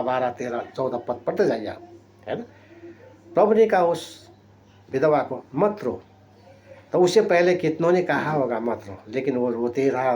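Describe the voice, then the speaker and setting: A man's voice: medium pitch, a little mellow, a little hiss or hum. A man preaching a sermon in a storytelling way, often checking in with tag questions and swinging his voice up and down for emphasis. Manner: rising and dropping sharply for emphasis, frequent tag questions.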